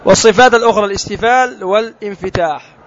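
A man with a very high voice leads a tajweed lesson. He quizzes his students and says letter sounds over and over for them to copy. The recording is dull and lo-fi, made outdoors. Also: quick pace, a bit bright. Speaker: Quran recitation teacher.

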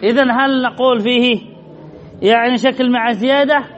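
A man teaching an Arabic grammar lesson, reading a text and explaining it slowly and methodically, asking questions and answering them himself. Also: very high voice, fairly even intonation, a bit bright. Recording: dull lo-fi class recording with faint noise.

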